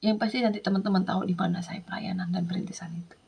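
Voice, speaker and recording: A woman from Madura, an evangelist, giving an earnest, emotional testimony that often drops into soft whispers. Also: medium pitch, steady tone, rapid-fire, vocal fry, breathy edge. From Madura, Indonesia.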